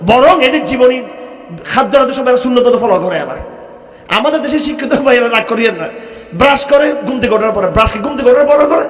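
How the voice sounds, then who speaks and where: A man's voice: extremely high pitch, expressive, fast. A Bangladeshi-accented man preaching a fiery sermon, scolding his listeners with rhetorical questions. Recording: echoey hall from far off.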